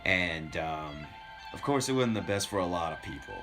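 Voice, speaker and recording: With a low-pitched, animated voice at normal speed, a man hosts a livestream, telling rambling stories and addressing his audience casually over background music.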